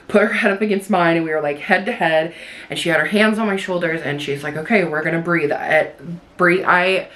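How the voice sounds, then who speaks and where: A woman's voice: low-pitched, a bit bright. A young woman vlogger chatting in a rambling way while doing her makeup, full of likes and restarts. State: tearful at moments. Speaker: beauty vlogger.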